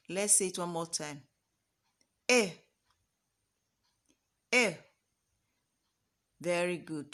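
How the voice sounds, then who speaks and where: A woman teaching the alphabet as a French teacher, speaking in slow, classroom-style steps, stretching and repeating each letter sound and asking the class to say it with her. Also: on the low side, a bit bright. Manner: drawn-out, emphatic repetition of letter sounds, calls for the class to repeat.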